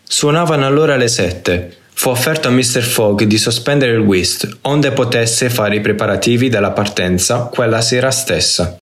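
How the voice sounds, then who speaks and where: A man's voice: medium pitch, normal speed, few pauses. Man narrating a classic novel.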